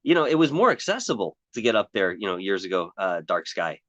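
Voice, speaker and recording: A man's voice: low voice, big pitch swings, quick pace, fairly bright tone, dry recording. A tired man hosting a live stream outdoors, chatting casually in a rambling way and greeting viewers by name. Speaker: paranormal show host. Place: outdoors on hills.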